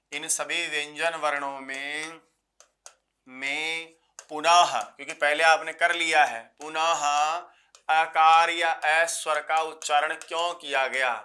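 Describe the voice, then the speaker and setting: Male Sanskrit teacher for an exam-prep lecture: bright, somewhat high voice, slow repetitions and questions to the class. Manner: repeats key phrases slowly, asks students rhetorical questions; recites Sanskrit rules in a measured chant.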